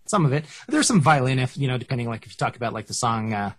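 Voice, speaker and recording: A man co-hosting a casual music review show, talking in an animated, joking way into a headset mic. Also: mid-range voice, fast talker, slightly rough. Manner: animated, joking, breaks into song snippets and shouts. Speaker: podcast co-host reviewing music. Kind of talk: casual chat.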